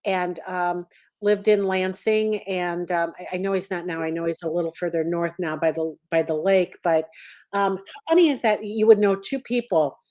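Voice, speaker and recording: A woman's voice: fairly low pitch, moderate pace, warm tone. A woman hosting a podcast over a video call, chatty and encouraging toward her guest. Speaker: podcast host. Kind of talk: conversational interview hosting.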